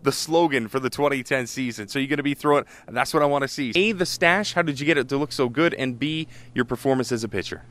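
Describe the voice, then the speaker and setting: Fast-talking joking male interviewer. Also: mid-range voice, fairly bright tone. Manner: joking, teasing questions. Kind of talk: casual sports interview.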